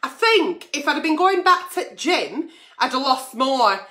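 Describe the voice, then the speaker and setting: A woman with a high, bright voice hosts a late-night livestream as an online agony aunt, reading out letters in a very animated but unhurried way. She's blunt and sweary, with a forceful tone, and her diction is a bit slack because her dentures are out. She also performs in pantomime.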